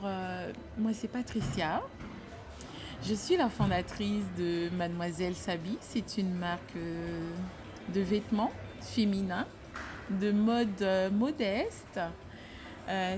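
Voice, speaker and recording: In an interview, a fashion brand founder from French Guiana recalls her childhood. Her medium-pitched voice moves slowly and hesitantly, full of fillers.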